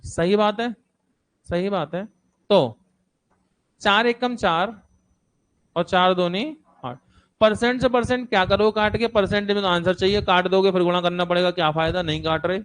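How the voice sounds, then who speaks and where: In front of his students, a man with a high, fairly bright voice leads a maths lesson. Each number and step gets repeated aloud, and he keeps making sure the class is following along.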